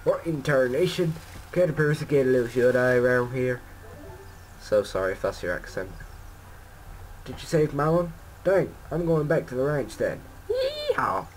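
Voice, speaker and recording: A man's voice: deep voice, little pitch movement, quick pace, few pauses, a little hiss or hum, voice pushed down, close to an everyday voice, rough recording. A man voicing a lazy, sleepy old ranch man with a raised, drawling country delivery. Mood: grumpy.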